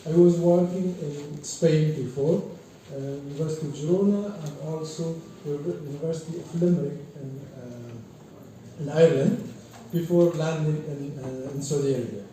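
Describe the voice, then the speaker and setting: A man in his forties from Egypt gives halting, formal remarks as an invited keynote speaker at a conference, with many fillers and repeated words. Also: a little high, dark tone. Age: 40s. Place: large echoey conference hall. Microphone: distant from the microphone. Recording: echoey hall from far off, faint noise.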